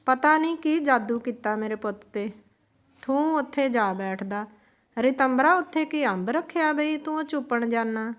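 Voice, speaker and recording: A woman voicing a quarrelsome young mother who scolds and nags in a slightly high voice. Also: moderate pace, lightly acted. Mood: scolding. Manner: scolding, nagging. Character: scornful young mother, sharp-tongued, quarrelsome.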